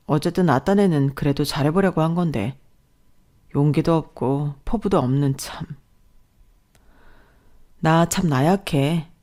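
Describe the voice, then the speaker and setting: A gentle young husband, read by a woman narrator, in an audio story. He speaks softly and apologetically, always eager to reassure his wife. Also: low-pitched.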